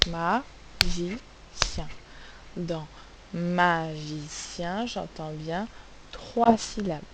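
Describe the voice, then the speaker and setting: A woman teaching a phonics lesson, sounding out letters and syllables slowly and asking the class questions. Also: a little high. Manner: slow, carefully spelled-out sounds, asks questions. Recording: faint hiss.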